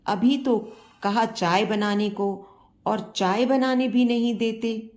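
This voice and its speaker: A woman voicing a sharp-tongued but caring older wife who scolds her husband. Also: a little high, steady tone, slow pace, pitched above the performer's own voice. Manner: scolding, bossy but loving.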